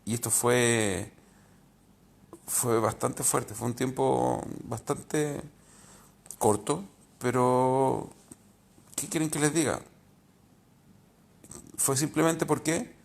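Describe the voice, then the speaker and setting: A man's voice: medium pitch, fairly even intonation, takes it slowly, vocal fry, pauses often. A man, a rabbi giving an informal spiritual talk, candid and reflective, often hesitating and restarting.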